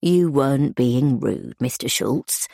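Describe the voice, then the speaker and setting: A prim housekeeper speaks in measured, proper tones, firm but kindly, as a woman reader puts her on. The voice is low and dark. The recording is dry. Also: lively intonation, creaky, dry recording, heavily acted. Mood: firm, sensible. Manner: proper, measured, gently corrective. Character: stern middle-aged housekeeper, prim and sensible.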